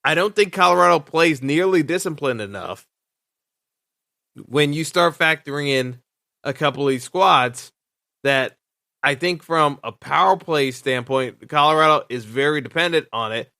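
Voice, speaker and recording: A man hosts his own sports podcast alone, airing his opinions as he thinks them through. His voice sits a little high, bright and forceful, and is recorded dry and close. He stumbles and restarts often and fills gaps with "uh.". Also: moderate pace, creaky, no echo. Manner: hesitant, full of fillers and restarts. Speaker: podcast host. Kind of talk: solo sports podcast commentary.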